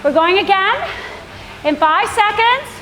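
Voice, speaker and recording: A woman's voice: extremely high pitch, sing-song, a little slow, pushed and bright, slight background noise. A woman indoor cycling coach leading a workout with encouraging, projected cues and countdowns. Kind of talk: workout class instruction with countdowns. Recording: echoey room with music playing. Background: workout music.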